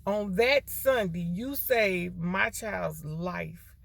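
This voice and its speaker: A woman's voice: lowish voice, very slow, creaky. A woman in her fifties giving an emotional, heartfelt testimony of thanks, stressing her points with repeated phrases. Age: 50s. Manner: emotional, repeats "when I tell you" for emphasis. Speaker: grateful customer giving a testimonial.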